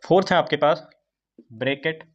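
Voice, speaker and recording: In an online classroom lecture, a man teaches chemistry, asking his class questions and answering them himself in a repetitive call-and-response. He explains fast and chattily in a mix of Hindi and English. His voice is fairly high and the audio is dull.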